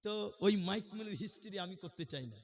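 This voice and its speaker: A man from Assam preaching at a religious gathering, joking with the crowd and then swelling into loud, drawn-out chanting. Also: high voice, animated, vocal fry. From Assam, India. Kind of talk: sermon with jokes and chanted verses. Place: outdoor gathering stage.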